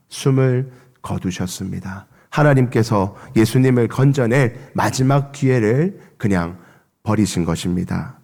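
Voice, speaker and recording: A man preaching a Sunday sermon as pastor in a church, impassioned, rising and falling sharply in pitch and loudness as he leads the congregation in reading aloud. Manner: impassioned, with dramatic swings of pitch and level. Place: church sanctuary. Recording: long church reverb.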